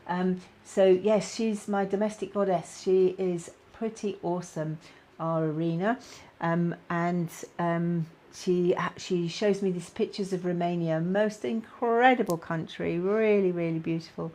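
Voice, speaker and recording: A middle-aged woman with a British accent hosting a casual live-stream chat, talking warmly to viewers with plenty of fillers. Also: lowish voice, fairly even intonation, unhurried. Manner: chatty, many fillers, reads out viewer comments. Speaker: spiritual guidance host.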